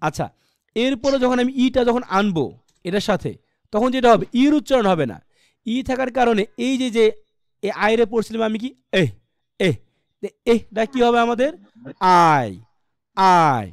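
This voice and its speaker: A man with a Bangladeshi Bengali accent leads a live online pronunciation class with a fairly high voice. He breaks words into single sounds and keeps asking his students questions. The recording is close and dry, with no room sound. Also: expressive, brisk, no room sound. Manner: explains step by step, quizzing students and sounding out letters. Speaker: English pronunciation teacher.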